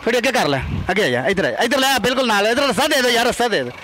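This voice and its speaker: A man's voice: very high voice, very animated, very fast. A man hosting a comedic street interview outdoors, playful and pushy as he coaxes passers-by. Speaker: comic street interviewer and prankster.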